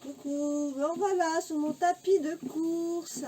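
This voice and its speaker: A fitness vlogger with a very high-pitched, mellow voice chats casually while filming her home workout, out of breath and full of fillers. She speaks slowly with a steady tone, picked up by a distant mic in a noisy room at home.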